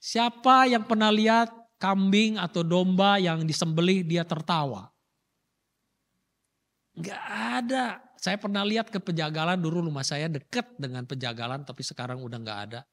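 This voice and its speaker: A middle-aged male pastor preaching a sermon in a lively way, with rhetorical questions and acted-out asides. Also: high-pitched, normal speed, long reverb tail.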